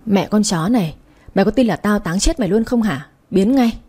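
A woman's voice: medium pitch, animated, brisk, mellow, breathy edge. A woman voicing a cruel man who threatens and drives off his former lover. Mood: menacing. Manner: harsh, threatening.

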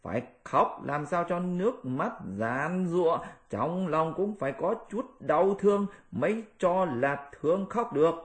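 A man voicing a boastful, mischievous male monkey king with a shrill, bossy, teasing manner in an audiobook. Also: expressive, a little slow, hardly any pauses. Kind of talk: audiobook character voice.

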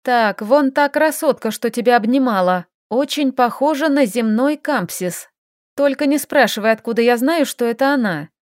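A woman voicing a stubborn, feisty young heroine who bickers and exclaims in quick, sharp lines, read from an audiobook. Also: a little high, lively intonation, no echo, studio quality, close to an everyday voice.

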